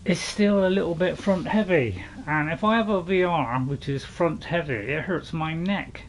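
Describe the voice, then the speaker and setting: Brief: male gaming host, chatty rambling commentary with excited outbursts, slightly high pitch. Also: moderate pace, a little hiss or hum. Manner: chatty and rambling, with sudden loud excited shouts. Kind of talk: casual gameplay commentary.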